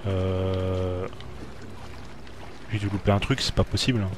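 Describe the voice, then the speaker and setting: A man's voice: sits low, level tone, measured pace, background noise. A man playing a horror video game and commenting live for viewers, jumpy and talking to the screen. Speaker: let's play gamer.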